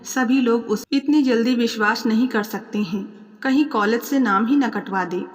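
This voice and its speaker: A woman storyteller reading a moral family story in a calm, measured, expressive narration. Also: fairly high pitch, in a large hall.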